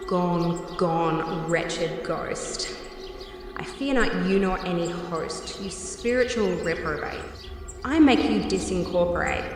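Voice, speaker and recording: An AI-voiced woman playing a female phoenix bird spirit and sorceress, calm, firm and protective. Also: on the low side, takes it slowly, long pauses, noisy background. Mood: spellcasting.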